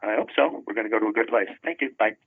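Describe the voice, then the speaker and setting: A man's voice: fairly low pitch, rapid-fire, slightly rough. A man's recorded greeting and message, played back through a landline phone. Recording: muffled phone playback from far off.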